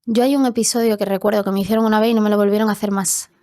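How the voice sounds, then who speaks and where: Earnest and racing along, a young woman tells her own story as a podcast interview guest, her medium-pitched voice warm and fairly even in intonation. At times she imitates people from her childhood. A podcast studio mic gives studio-quality sound with no room sound.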